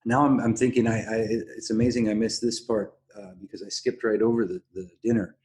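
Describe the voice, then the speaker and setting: A man hosting a casual podcast discussion, speaking in a halting way and often backtracking on his words. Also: lowish voice, little pitch movement, a little mellow, breathy edge. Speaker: podcast host.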